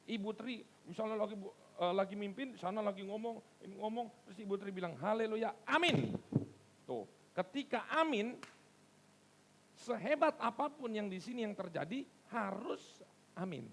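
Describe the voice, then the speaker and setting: Lively high-voiced preaching man. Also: moderate pace. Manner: lively, conversational preaching with sudden loud emphasis. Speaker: pastor. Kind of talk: sermon. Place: church.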